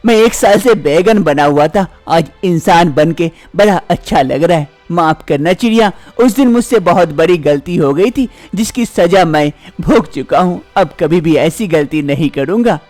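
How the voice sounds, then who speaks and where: A man's voice: on the high side, expressive, moderate pace, few pauses, a little mellow, no echo, faint music behind, natural voice. A man voicing a remorseful, relieved young husband in a cartoon, speaking apologetically.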